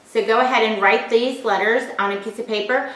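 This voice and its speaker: A woman teaching a recorded phonics lesson, sounding out words slowly and clearly and encouraging the children. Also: fairly high pitch, steady tone, a bit bright, roomy sound. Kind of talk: recorded home-learning lesson.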